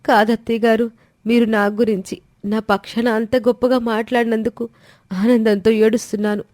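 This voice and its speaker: Give me a meek young daughter-in-law, played by a woman, higher voice, dark tone. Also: little pitch movement, moderate pace, no room sound, lightly acted. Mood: grateful. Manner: soft, humble.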